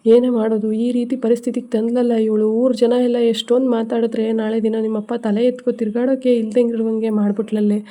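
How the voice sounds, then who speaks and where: A woman's voice: on the high side, level tone, a little fast, hardly any pauses, mellow, natural voice. A woman voicing a grieving middle-aged mother who laments and scolds in a bitter, despairing way. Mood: lamenting.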